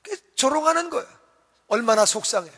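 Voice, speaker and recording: A man's voice: very high-pitched, animated, brisk, fairly bright tone. A male pastor preaching a sermon in a church, emphatic and repeating phrases for stress. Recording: reverberant church hall.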